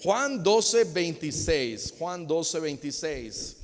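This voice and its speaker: A man preaching a sermon as pastor, lively and acting out small dialogues. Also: on the high side, takes it slowly. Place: church hall. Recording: long hall reverb.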